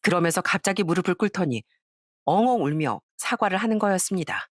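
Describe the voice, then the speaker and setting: A woman reading out a scripted drama story as its narrator, in a calm storytelling way. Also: on the low side, fairly quick, dry recording, clean studio sound.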